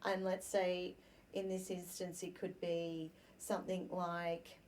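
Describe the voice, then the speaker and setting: A woman's voice: lowish voice, takes it slowly, a little hiss or hum. A woman hosting a podcast chat, talking casually and acting out her own inner voice in quotes. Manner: animated, acts out quoted inner dialogue. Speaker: podcast host.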